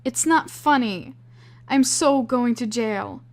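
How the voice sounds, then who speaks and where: A woman reading aloud, voicing a frightened, squeamish young woman in urgent, near-shouting bursts. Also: fairly high pitch, takes it slowly. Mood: panicked.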